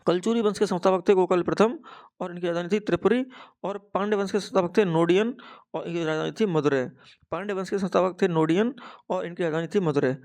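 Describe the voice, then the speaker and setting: A young male coaching teacher with a Hindi accent runs through exam facts, saying each one twice so students can note it down. His voice sits a little high and has a gravelly edge. He keeps a steady, rote teaching delivery. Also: fast. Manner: repeats each fact twice, dictation-like. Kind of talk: rote exam-prep lesson.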